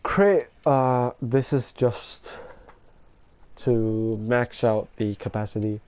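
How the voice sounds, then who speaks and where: A man's voice: mid-range voice, fairly even intonation, takes it slowly, darkish tone, clean tone. A man casually commenting over a video game, rambling and self-deprecating as he talks to viewers. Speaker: gamer showing his builds.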